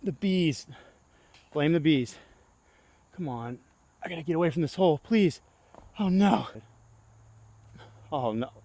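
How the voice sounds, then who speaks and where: A man's voice: fairly high pitch, unhurried, long pauses, dry recording. Winded young man calling his disc golf throws. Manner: excitable, yelps at his throws. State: winded and tired. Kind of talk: casual play-by-play commentary. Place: outdoor disc golf course.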